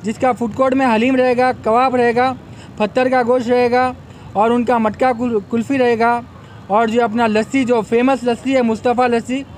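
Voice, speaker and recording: A man's voice: very high-pitched, level tone, moderate pace, slight background noise. A young man, an event organizer giving a promotional press statement into a bank of microphones at an outdoor expo, repeatedly urging customers to come. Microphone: bank of press microphones on a table.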